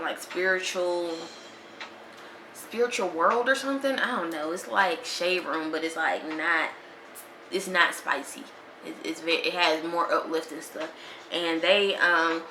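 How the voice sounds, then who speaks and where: A woman in her twenties hosts a podcast, delivering a casual, animated, slangy monologue. Her voice is lowish, pushed and bright. The room is echoey with faint noise.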